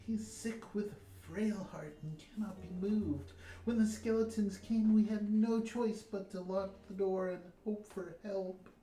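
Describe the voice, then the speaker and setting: A woman's voice: mid-range voice, a little slow, warm tone, recorded from a distance, lightly acted. A woman voicing a shy young woman who timidly pleads for help in a tabletop game. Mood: worried pleading. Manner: timid, imploring. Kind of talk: tabletop game role-play. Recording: echoey room.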